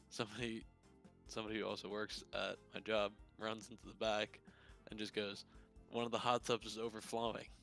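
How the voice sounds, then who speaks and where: A young man with a low, gravelly voice chats casually on a podcast. He rambles through his story and laughs at his own mistakes. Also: a bit bright. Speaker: podcast co-host.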